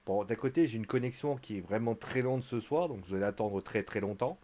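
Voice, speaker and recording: A man's voice: fairly low pitch, fairly quick, mellow. A man giving a casual live-stream recap of a wrestling show, chatty and joking, with theatrical asides to his viewers.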